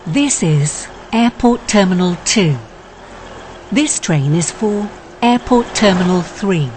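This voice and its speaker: A woman's voice delivers an automated train announcement at an unhurried pace, each stop named calmly and evenly. Steady rumble of a moving train sits clearly under her words. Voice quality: calm, measured announcer delivery.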